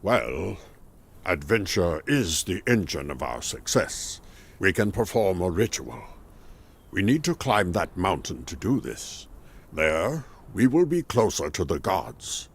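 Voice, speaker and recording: A deep, husky wise mage. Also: male voice, big pitch swings, heavily acted. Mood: explaining. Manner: measured, explanatory. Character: wise calm male mage, patient explainer. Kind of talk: game cutscene dialogue.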